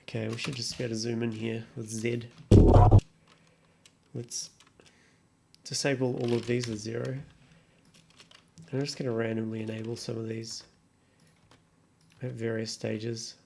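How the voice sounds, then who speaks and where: A music production tutorial creator casually talks himself through the steps on his computer, muttering offhand remarks. His medium-pitched, slightly mellow voice barely moves in pitch, runs a little slow, and pauses often. Distinct typing and clicking sound behind him.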